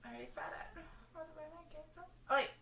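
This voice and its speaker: A woman's voice: very high voice, huge pitch swings, fast, a bit bright. A woman co-host making short, casual interjections in a chat. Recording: roomy, distant mic, faint noise.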